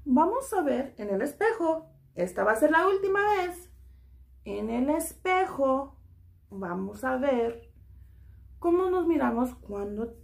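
A woman teaching a children's drawing lesson, gently checking in with "ok" after each step and slipping English "so" into her Spanish. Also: sits high, sing-song, slow pace, creaky, long pauses. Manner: soothing, talks to toy friends.

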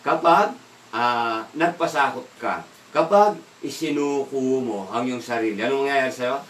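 Unhurried and fairly bright, a man's mid-range voice carries a casual evening Bible devotional in which he questions his listeners, slips in English words, and laughs from time to time. He's heard from a distance in an echoey room, with a little hiss or hum.

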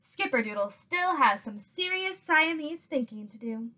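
A woman's voice: sits high, animated, unhurried, pushed and bright, exaggerated voice, poor audio. A woman voicing a firm but affectionate mother cat in a children's storybook, bossy and emphatic. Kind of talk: children's storybook read aloud.

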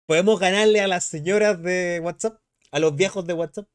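A man's voice: high-pitched, normal speed, clear, resonant tone. A young man with a Chilean accent, chatting casually on a live stream and reading chat aloud. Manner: animated, slangy, reads chat aloud.

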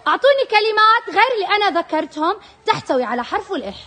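A woman teacher, leading young children in an energetic call-and-response lesson and calling out loudly to them. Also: very high voice, racing. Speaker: kindergarten teacher. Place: classroom full of children. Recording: loud noisy classroom with chattering kids.

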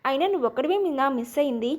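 A woman reads the lines of a young husband in an audio storybook, playful and pleading as he tries to win his wife back. His voice sits high, since she keeps her own pitch for the man. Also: expressive, racing. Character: young adult man, a teasing, exasperated husband and father.

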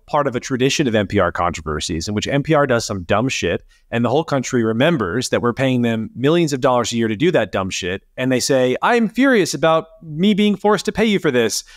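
A man co-hosting a podcast, talking in a casual, sarcastic and animated way. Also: no room sound, studio quality. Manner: animated, sarcastic, rising pitch on emphasis. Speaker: podcast co-host. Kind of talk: casual panel chat.

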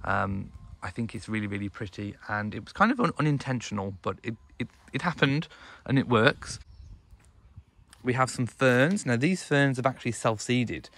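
A man's voice: medium pitch, lively intonation, normal speed, a bit bright. A young man from England walking through his garden with a handheld phone, chatting enthusiastically, with ums and restarts as he thinks aloud. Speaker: vlogger touring his garden. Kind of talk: casual walking garden tour. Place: outdoors in a home garden and greenhouse. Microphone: phone camera held in hand while walking.

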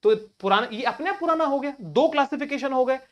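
A man's voice: very high-pitched, expressive, a little fast. A male teacher explains an exam-prep lesson in a chatty, informal way. He keeps asking his students rhetorical questions and talks to them like friends. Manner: colloquial address to listeners.

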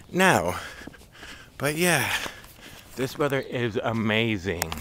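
A man chatting casually in a vlog, rambling with lots of fillers and shout-outs to friends. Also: medium pitch, slight background noise. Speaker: vlogger. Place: outdoors in cold weather, then a doctor's office.

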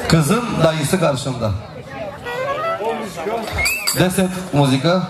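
A man announcing gifts at a wedding in a booming, commanding manner, calling out to guests and directing them. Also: drawn-out words. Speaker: wedding gift-ceremony announcer. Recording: echoey live event, loud music and crowd. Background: loud music and crowd.

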